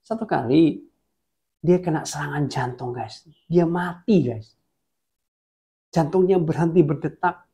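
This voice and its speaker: A male preacher telling testimonies in a casual, playful sermon. He chats directly with his listeners, and his fairly high voice carries a steady gravelly rasp. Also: unhurried, pauses often. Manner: chatty, playful, addresses listeners as guys.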